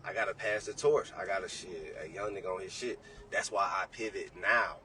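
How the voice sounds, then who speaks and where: This trading educator, late twenties, speaks low-pitched, fairly quickly, and with a bright, forceful tone as a casual podcast guest. Swearing and blunt, he hammers home hard-won advice; the mic is distant, with faint noise behind him.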